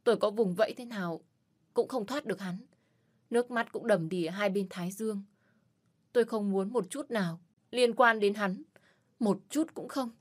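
A woman's voice: mid-range voice, normal speed, long pauses. Woman narrating a tense first-person story. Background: faint music.

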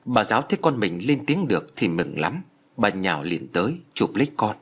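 Husky man narrating. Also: lowish voice, very animated, a little fast. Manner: dramatic, voices every character. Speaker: audiobook narrator. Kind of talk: storytelling narration.

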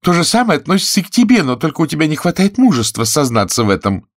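A man's voice: mid-range voice, animated, normal speed, no room sound, studio quality, pitched above the performer's own voice. A man reading a story aloud and voicing a cheeky, restless young woman thief with a coy, teasing manner. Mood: defiant. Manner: coy, teasing, then defiant. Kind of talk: audiobook character voice.

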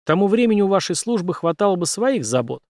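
A man's voice: high-pitched, very animated, fast talker, darkish tone, no room sound, clean studio sound, pitched above the performer's own voice. Man voicing a stubborn captured officer. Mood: guarded. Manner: curt, guarded.

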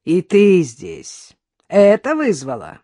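Lady doing a raging foul-mouthed woman, shouting threats, loud and high, stubborn as anything, dry close sound. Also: huge pitch swings, slow pace, dry recording, heavily acted. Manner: yelling threats and insults.

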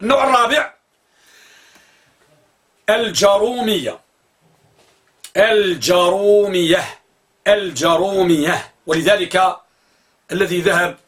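High, bright-voiced man teaching grammar. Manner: explanatory, repeats words slowly to spell out vowels, asks the class questions. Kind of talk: classroom lecture on pronunciation.

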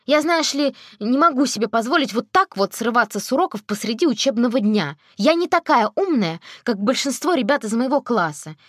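A woman's voice: a little high, big pitch swings, brisk, few pauses, a bit bright, dry recording, clean studio sound, voice pushed up. A woman reading an audiobook, voicing a stubborn teenage girl in exasperated protest.

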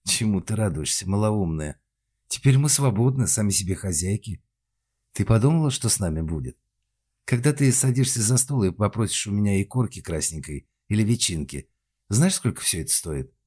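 A man's voice: moderate pace, dark tone, slightly rough. A man voicing a bossy, scheming older mother who scolds her daughter. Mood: scolding. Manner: shrill scolding, then fawning.

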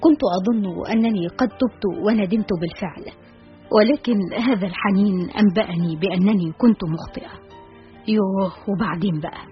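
A woman with an Egyptian accent narrating a novel in the first person, reading briskly and expressively. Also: mid-range voice, lo-fi sound, faint music behind. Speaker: audiobook narrator.

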